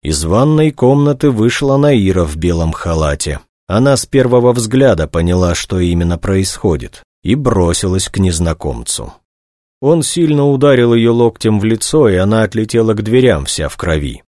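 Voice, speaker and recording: Male narrator, deep voice, measured audiobook reading, dry recording. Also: very animated, mellow, no echo.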